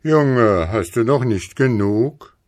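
A man voicing a kindly old male moon who speaks gently and patiently. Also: medium pitch, expressive, takes it slowly, pitched above the performer's own voice.

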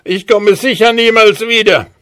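A man voicing a small, sly male dwarf who wails and pleads in a shrill, high voice. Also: moderate pace, a bit bright. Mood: pleading, wailing.

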